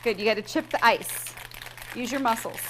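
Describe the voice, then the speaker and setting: A woman's voice: fairly high pitch, moderate pace, background noise. A middle-aged woman hosting a home cooking show with her family, chatting, explaining steps and laughing often. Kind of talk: casual cooking demo with family.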